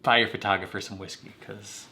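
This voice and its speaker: Man, gravelly, easygoing whiskey-tasting co-host, dry humor. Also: lowish voice, fairly even intonation, fairly quick, pushed and bright. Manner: explains history, dry jokes. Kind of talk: casual tasting chat.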